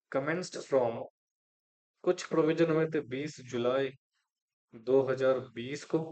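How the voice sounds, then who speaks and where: A man's voice: mid-range voice, a little mellow. A male teacher giving a classroom lecture in Hindi, often asking students questions and repeating the answers himself. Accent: Indian English.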